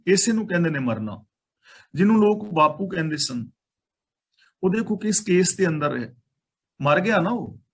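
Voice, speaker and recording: A man with a Punjabi accent teaching Sikh scripture line by line. He intones each verse slowly, then explains it in plain everyday talk with some English words mixed in. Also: a little high.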